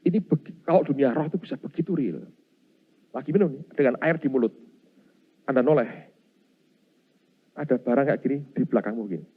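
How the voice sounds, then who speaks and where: A man's voice: medium pitch, a little fast, long pauses, breathy edge. A middle-aged man, preaching a sermon and acting out his story, often calling the congregation Saudara. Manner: animated, acts out scenes, addresses congregation as Saudara. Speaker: pastor. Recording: dull lo-fi sound.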